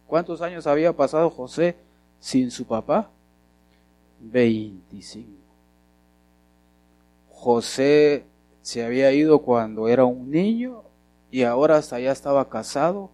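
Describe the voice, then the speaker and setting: A man preaching a sermon as pastor, often putting questions to the congregation and swinging between loud and soft. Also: medium pitch, no echo.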